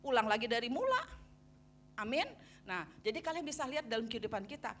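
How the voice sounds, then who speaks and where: A middle-aged woman preaches a personal testimony, her voice sitting a little high. She tells the story with lively animation, acting out her old conversations and turning often to address the congregation directly. A faint hum runs beneath the recording. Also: brisk. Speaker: pastor. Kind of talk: sermon testimony.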